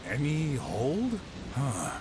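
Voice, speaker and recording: An actor playing an earnest, brooding crocodile detective in a video game. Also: male voice, mid-range voice, huge pitch swings, extremely slow, music in the background, heavily acted. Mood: sombre.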